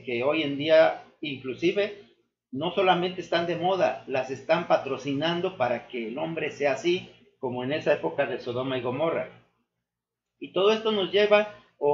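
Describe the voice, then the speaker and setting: A man giving an earnest, sermon-style testimony to his church, addressing the listeners as brothers and often pausing with fillers and restarts. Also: on the high side. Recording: echoey room, dull lo-fi sound.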